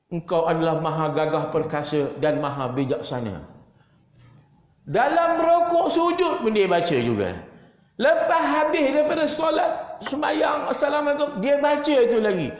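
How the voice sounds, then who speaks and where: A man with a Malaysian Malay accent giving an evening lecture in a mosque. He keeps addressing the listeners directly, and his pitch swings up and down as he talks. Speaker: religious teacher. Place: mosque hall. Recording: echoey mosque hall, dull lo-fi sound.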